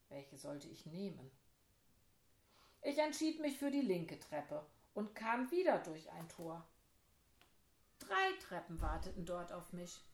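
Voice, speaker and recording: A woman narrates a children's story, speaking clearly and turning to her young listeners with questions. She takes her time over every phrase at a slow pace. The voice sits in a roomy, echoing space. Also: on the low side.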